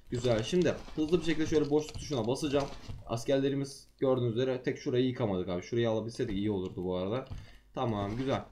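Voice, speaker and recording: A man's voice: mid-range voice, darkish tone. A man who has just woken up, giving casual, chatty game commentary to his viewers in an informal way. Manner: just woke up, slightly groggy-sounding voice. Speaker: gaming YouTuber, host.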